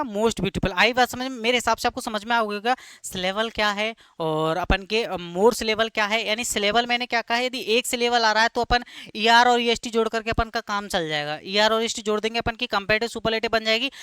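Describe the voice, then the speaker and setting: Bright, crisp-voiced man teaching grammar. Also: extremely high pitch, no echo. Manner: keeps asking students quick check questions; repeats key words slowly for emphasis. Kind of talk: live classroom grammar lesson.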